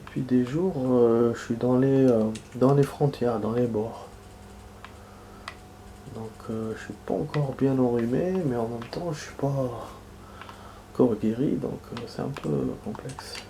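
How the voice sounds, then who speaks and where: Nasal from a cold, a gaming video host with a warm, medium-pitched voice chats casually as he plays a video game. He talks a little slowly, rambling with many fillers and restarts, over slight hiss or hum.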